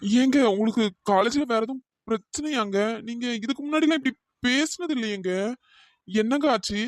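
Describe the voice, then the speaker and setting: Performer doing a pushy young male college admirer, mid-pitched, pleading, dry close mic. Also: normal speed, no echo, natural voice. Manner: pleading, apologetic, pestering. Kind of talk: cartoon voice acting.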